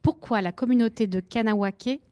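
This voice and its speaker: A woman's voice: a little high, normal speed, mellow, no echo. A woman with a non-native French accent, politely asking questions from the audience. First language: not French. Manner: polite, apologetic, reading out questions.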